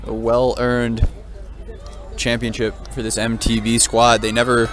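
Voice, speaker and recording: A man's voice: mid-range voice, monotone, measured pace. A man doing live play-by-play commentary, upbeat and full of praise for the players. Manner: upbeat, praising, wraps up the broadcast.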